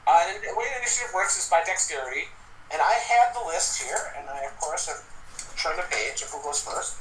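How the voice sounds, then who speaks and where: A man's voice: on the high side, fairly quick, recorded from a distance, slight background noise. Guy gm'ing a tabletop game, voice swoops all over, echoey room. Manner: animated, laughing, yelps creature cries. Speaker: game master.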